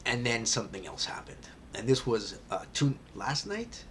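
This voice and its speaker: Man, vlogger, rambling confessional talk, mid pitch, faint rumble in the background. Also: moderate pace. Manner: rambling, restarts often, swings from muttering to loud excitement. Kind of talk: confessional vlog.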